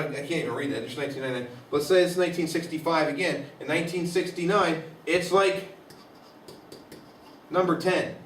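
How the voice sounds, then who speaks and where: A man teaching a high school statistics lecture over slides, animated and exclamatory, with playful asides. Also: a little hiss or hum. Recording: echoey room, voice from far off the mic.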